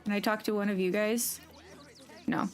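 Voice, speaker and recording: A woman chats through a game she is streaming, reading choices aloud and swearing freely. Her pitch sits mid-range, and faint game music plays behind her. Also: steady tone, normal speed. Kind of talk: casual game commentary.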